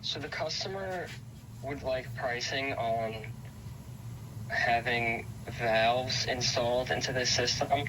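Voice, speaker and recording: A man's voice: medium pitch, slow, noisy background. A heating technician, a man, calling for advice, heard over a phone on speakerphone. He talks hesitantly, with many ums and restarts. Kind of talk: phone call.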